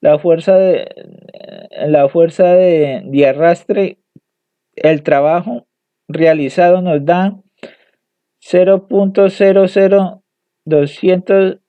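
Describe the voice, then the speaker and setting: Halting young man reading calculations. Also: high-pitched, steady tone, warm tone, no echo. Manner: hesitant, halting, repeats words and restarts. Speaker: student presenting homework. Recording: dry tinny phone-like audio.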